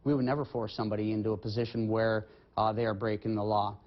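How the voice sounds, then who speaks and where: Male police officer in a TV interview, steady and official; dull audio. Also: fairly low pitch, quick pace. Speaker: highway patrol lieutenant. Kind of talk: remote TV interview.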